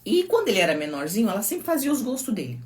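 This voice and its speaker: A middle-aged Brazilian psychologist with a Brazilian Portuguese accent hosts a casual live stream on a phone mic, talking very fast and very animatedly in a fairly high, darkish voice. She tells chatty anecdotes and reads viewer comments aloud.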